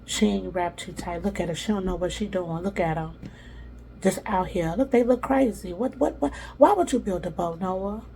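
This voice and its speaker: A woman's voice: mid-range voice, moderate pace, mellow, a little hiss or hum, natural voice, low-quality recording. A woman doing a scornful, taunting onlooker. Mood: mocking. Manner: taunting, dismissive. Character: mocking, gossiping onlooker, scornful.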